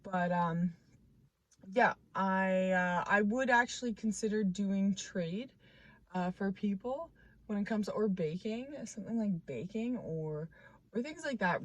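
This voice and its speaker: A woman's voice: medium pitch, no echo. Woman in her mid-twenties, casual vlog chat, rambling, lots of ums and restarts, playful self-mockery, at home. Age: 20s. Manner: rambling, thinks aloud with many fillers and restarts. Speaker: vlogger.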